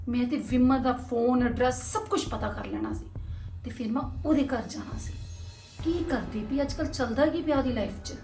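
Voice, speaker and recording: A woman's voice: sits high, mellow. A woman with a Punjabi accent acting a sly, wheedling younger sister-in-law in an amateur family drama.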